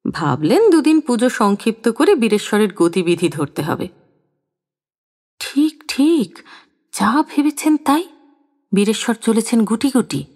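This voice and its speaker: A woman narrating a story in a scripted, expressive way, recorded close on a studio mic. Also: on the high side, big-room sound. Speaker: audiobook narrator.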